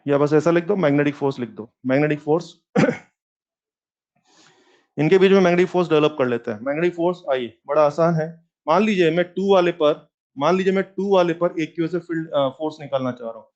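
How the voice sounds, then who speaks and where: A man's voice: on the high side, fairly quick, a little mellow, dull audio. A man teaching a physics lecture who asks questions and answers them himself, mixing English terms into Hindi.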